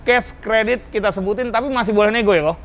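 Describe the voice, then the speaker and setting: A man's voice: high voice, quick pace. A man hosting a car showroom vlog through a face mask, chatty and echoing answers back with tag questions. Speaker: host of a car showroom review channel. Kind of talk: vlog presenting and interviewing. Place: large open-fronted car showroom. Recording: faint background noise, open showroom ambience.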